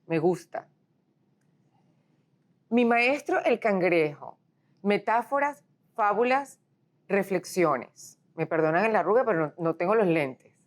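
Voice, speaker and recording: A woman's voice: medium pitch, expressive, unhurried, long pauses. A woman from Venezuela hosting an interview show, asking curious, friendly questions. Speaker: host.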